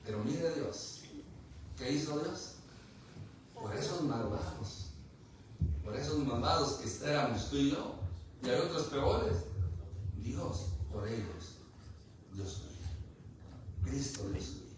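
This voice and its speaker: A man's voice: medium pitch, noisy background. A man preaching a sermon, asking the congregation questions and mixing in light humor. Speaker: pastor. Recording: echoey room from far off.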